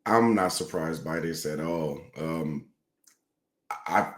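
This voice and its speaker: A man's voice: very deep voice, slow, roomy sound. A man co-hosting a podcast while sick, his voice scratchy, talking casually about politics. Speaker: podcast co-host.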